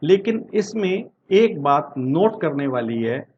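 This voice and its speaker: A man teaching English grammar in Hindi. He asks his class questions and answers them himself, and reads the example sentences slowly. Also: a little high, big pitch swings, a little mellow, highs cut off, slight background noise. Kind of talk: Hindi-language grammar lesson.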